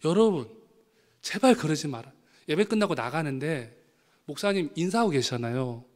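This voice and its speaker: A man, a pastor, preaching a sermon with animated storytelling, acting out voices from his anecdotes. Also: on the high side, normal speed. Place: church sanctuary. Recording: long hall reverb.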